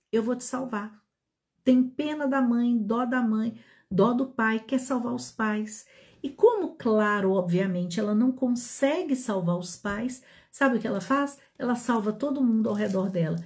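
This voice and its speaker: A woman's voice: a little high, dark tone. A Brazilian woman teaching about relationships, speaking straight to her listeners and often checking that they follow. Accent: Brazilian Portuguese. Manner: talks to listeners directly, with frequent check-ins. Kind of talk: didactic talk to an audience.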